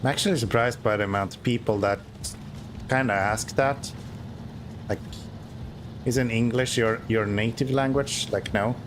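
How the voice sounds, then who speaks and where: There's background noise as a Swedish-accented man, a native speaker of Swedish from Sweden, chats through a driving-game stream at normal speed. His medium-pitched voice pauses often, and his humor is joking, sarcastic and self-mocking.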